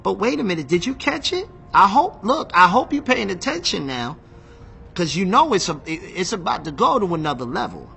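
A man teaching from the Bible in an excitable, emphatic way, repeating phrases and reading scripture aloud while seated. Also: high voice, moderate pace, gravelly, slight background noise. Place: seated in a chair.

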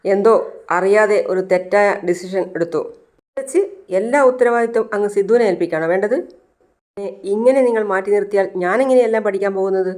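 A woman's voice: medium pitch, normal speed, a little mellow, lightly acted. A woman voicing a spoiled, resentful grown daughter who complains and argues with her father. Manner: sulky, complaining, confrontational.

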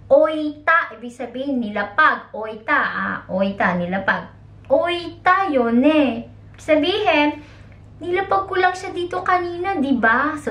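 A woman's voice: on the high side, fairly bright tone, echoey room. A woman who is a mother, teaching Japanese in a casual spoken lesson, explaining in Tagalog with English words and acting out example lines in a raised voice. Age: young adult or middle-aged, a mother.

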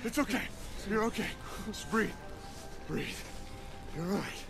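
An actor playing a stern, protective older brother in a video game, speaking with urgent command. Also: male voice, high voice, lively intonation, a little slow, gravelly, heavily acted. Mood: reassuring, intense. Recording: game music and effects behind.

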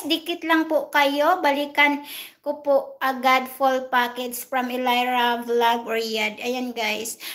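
High-voiced girl on a live stream, slow easy chat, thanking everyone. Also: fairly bright tone. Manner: chatty, thanks viewers one by one, giggles often. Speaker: livestream host. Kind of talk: casual livestream chat reading viewer comments.

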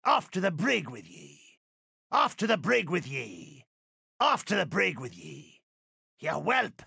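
An actor playing a boastful, vengeful pirate captain in a video game, with a raspy voice, archaic pirate dialect and theatrical, drawn-out delivery. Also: male voice, high-pitched, fairly bright tone, no room sound, studio quality, exaggerated voice. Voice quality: gravelly, raspy. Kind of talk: video game character voice acting.

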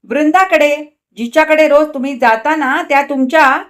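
Furious accusing young wife, voiced by a woman reader, high and shrill. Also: moderate pace, natural voice.

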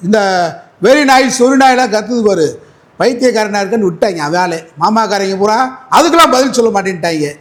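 Combative high-voiced man in interview. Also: animated, fast talker. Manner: combative, repetitive, mocking. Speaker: interview guest, advocate. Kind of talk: heated political interview.

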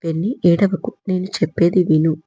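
A woman's voice: lowish voice, steady tone, brisk, mellow, slightly rough, no echo, dull audio. A woman voicing an anxious young husband who coaxes and soothes, read in an audiobook story. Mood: anxious, soothing. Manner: coaxing, soothing. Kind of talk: audiobook character reading.

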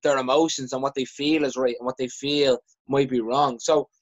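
A man's voice: medium pitch, fairly even intonation, moderate pace, no room sound. An Irish man, a poet, speaking frankly and reflectively in a podcast chat, often restarting his sentences. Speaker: poet guest. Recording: dry, dull sound.

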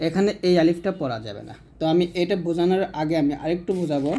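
Male teacher with a Bangladeshi Bengali accent, slightly high voice, slow and deliberate, drawn-out example words. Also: animated, mellow, slight background noise. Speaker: Quran reading teacher. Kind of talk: recorded lesson.

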